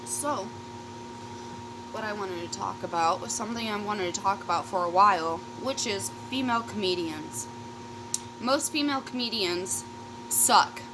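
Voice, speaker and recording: Female vlogger, mid-range pitch, informal and sweary, rambling storytime chat with trailing thoughts, clearly noisy recording. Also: normal speed. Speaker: YouTube vlogger. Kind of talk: casual rambling storytime chat while eating.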